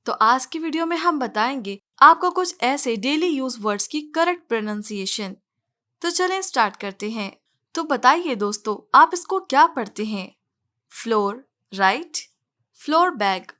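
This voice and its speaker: A woman with a bright, fairly high voice teaches English pronunciation. She drills one word after another, naming the wrong way and then the right one. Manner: corrective, drilling words one by one. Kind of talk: pronunciation lesson.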